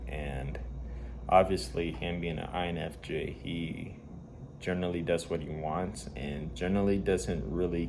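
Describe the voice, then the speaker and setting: A man with a congested nose talking casually and haltingly to his audience, recorded in a warehouse. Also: low voice. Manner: halting, hesitant delivery with repeated words and pauses. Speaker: vlogger. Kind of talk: casual rambling talk. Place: warehouse at work. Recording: noisy warehouse ambience.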